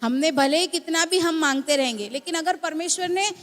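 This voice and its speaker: High-voiced woman preaching in a church hall. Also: a little fast. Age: young adult to middle-aged, mother of a small child. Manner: teaching, asks the congregation "है ना?" often. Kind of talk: sermon. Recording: long reverb of a church hall.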